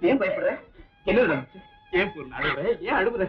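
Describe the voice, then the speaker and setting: A man's voice: sits high, big pitch swings, fairly quick. An actor playing an anxious, loving husband who pleads with and comforts his wife. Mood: worried. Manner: soothing, pleading. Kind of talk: 1960s film melodrama acting. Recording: dull 1960s film soundtrack with music.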